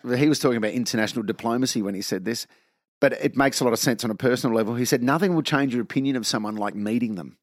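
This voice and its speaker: Aussie bloke hosting a chat show, mid-pitched voice, relaxed, dry close mic. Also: male voice, rapid-fire, dry recording. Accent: Australian. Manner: easygoing, conversational prompter. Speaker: podcast host. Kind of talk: casual chat. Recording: dry studio sound.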